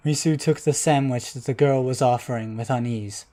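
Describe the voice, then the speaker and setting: A man's voice: medium pitch, normal speed, mellow. Man reading a children's storybook. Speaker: narrator. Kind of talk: storybook narration.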